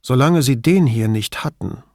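A man reading an audiobook, voicing a calm male police commissioner who speaks in a quiet, restrained way. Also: mid-range voice, moderate pace, dry recording, studio quality, close to an everyday voice.

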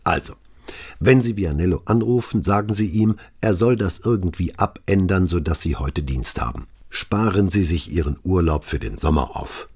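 A male narrator voicing a calm, weary middle-aged police commissioner who speaks in a measured, quietly authoritative way. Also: low-pitched, slightly rough.

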